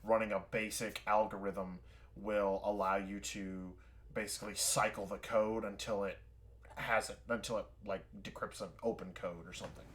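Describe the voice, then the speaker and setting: A man's voice: fairly low pitch, level tone, moderate pace, fairly bright tone, a little hiss or hum. A man running a tabletop game as game master, narrating scenes with lots of fillers and restarts. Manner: rambling, filler-heavy narration. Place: home, streaming.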